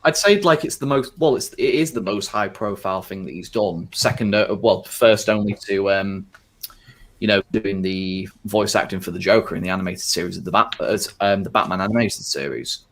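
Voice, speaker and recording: A man's voice: low-pitched, normal speed. A man hosting a casual podcast chat, rambling with constant fillers and frequent swearing. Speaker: podcast host.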